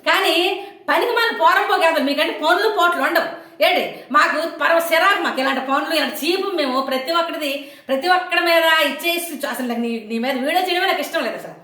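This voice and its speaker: A woman delivering an angry, scolding rant to camera, taunting and insulting her opponent with sharp questions. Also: very high-pitched, fast talker, reverberant. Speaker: online commentator.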